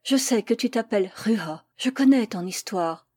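A sincere young woman guard speaks gently and kindly in a mid-range voice, as a woman reading the story plays her. The sound is dry and close, with no room around it. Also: medium pitch, moderate pace, no room sound, lightly acted. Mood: friendly. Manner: gentle, friendly.

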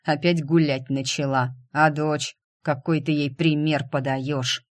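A man's voice: a little high, flat delivery, measured pace, no echo, clean studio sound, close to an everyday voice. A man voicing a middle-aged ex-husband in an audiobook, insincere and sneering. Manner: falsely cheerful, then sneering.

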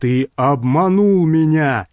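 A man voicing a sinister warlock who shouts commands in a slow, drawn-out way. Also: fairly high pitch, lively intonation, no room sound, pitched above the performer's own voice. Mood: raging. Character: sinister male warlock summoning a worm.

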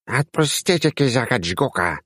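A man's voice: mid-range voice, very animated, moderate pace, fairly bright tone, breathy edge, dry recording, clean studio sound, pitched above the performer's own voice. A man voicing a haughty bald male cat-alien envoy in an audiobook, sneering and indignant, stretching out his words. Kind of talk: audiobook character voice.

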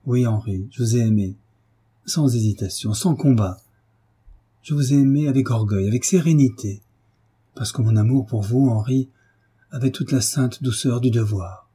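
A man's voice: mid-range voice, a little slow, warm tone, husky. A man reading the part of a dying young mother, tender and devoted, in an audiobook. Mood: tender, sorrowful.

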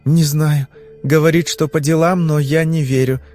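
A man's voice: a little high, fairly even intonation, a little mellow, soft background music, pitched above the performer's own voice, lightly acted. Man voicing a frightened young woman in trance. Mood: uneasy. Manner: anxious, halting answers under hypnosis.

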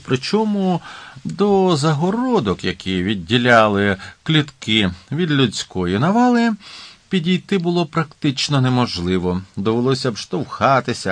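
A man reads an audiobook aloud with a lively voice that rises and falls a lot. The sound is close and dry, with no room around it. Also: mid-range voice, no echo. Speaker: audiobook reader. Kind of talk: audiobook narration.

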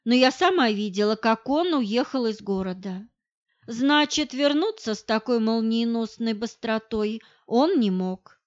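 A woman narrating a first-person detective audiobook in an expressive, wry manner. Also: on the high side, lo-fi sound.

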